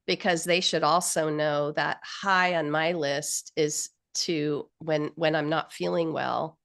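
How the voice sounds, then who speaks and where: A woman in her fifties hosting an author info session over a video call, sounding nasal from a cold and talking with enthusiastic, rambling warmth. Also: deep voice. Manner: enthusiastic, grateful, rambling with fillers. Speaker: publisher and host.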